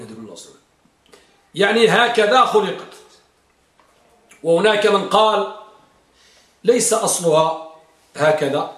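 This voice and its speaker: A man's voice: high-pitched, a bit bright, echoey room. A man teaching a grammar lesson, quizzing his students with repeated questions and reciting in a sing-song lilt.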